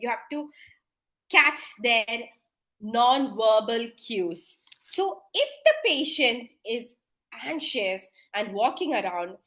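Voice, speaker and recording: Brief: female tutor, higher register, sharp and bright tone, talks through a lesson in a loose, explanatory manner. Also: poor audio. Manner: explanatory, with frequent fillers. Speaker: medical exam tutor. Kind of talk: spoken exam lesson.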